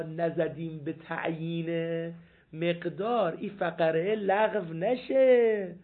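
A man teaching a seminary law class, reading passages aloud and questioning his students. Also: on the high side. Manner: animated, repeats points, asks the class questions. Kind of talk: jurisprudence class lecture. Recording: phone-like lo-fi recording.

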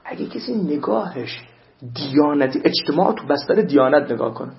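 A male cleric giving an animated sermon, reciting Arabic verses between his points. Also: fairly high pitch, vocal fry. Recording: roomy, dull lo-fi recording.

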